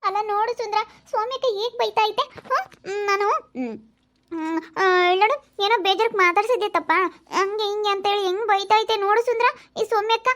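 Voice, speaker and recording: A woman's voice: very high voice, brisk, fairly bright tone. A woman voicing a young village woman who pleads innocence in a whiny, pleading way. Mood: complaining. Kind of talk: skit acting.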